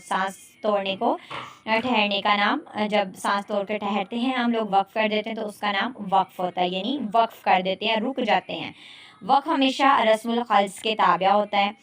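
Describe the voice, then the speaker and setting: Woman, Pakistani accent, patient lecture style, checks in often, fairly high pitch. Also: fairly bright tone. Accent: Pakistani Urdu. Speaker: Quran recitation teacher. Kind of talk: online lecture.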